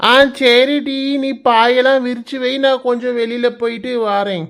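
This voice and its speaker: A woman voicing an easygoing middle-aged village husband in a cartoon, slow and placating, with a Kanyakumari Tamil accent. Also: on the high side, steady tone, lightly acted. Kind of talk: cartoon voice acting.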